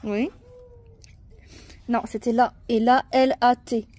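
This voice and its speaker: A woman with a high, light voice talks a child through a treasure hunt in the garden. She is patient and encouraging and spells words out slowly, letter by letter. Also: flat delivery, a little mellow, no room sound. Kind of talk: casual family video chat. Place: outdoors in a garden.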